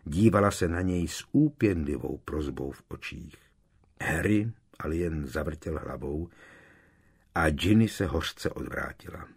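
A man's voice: very deep voice, expressive, creaky, slightly rough. A man reading an audiobook aloud, telling the story expressively. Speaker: audiobook narrator.

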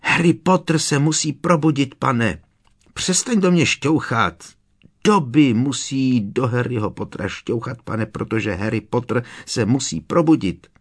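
A man voicing an eager male house-elf servant who shrieks in a squeaky voice and talks about himself in the third person. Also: slightly rough. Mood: urgent.

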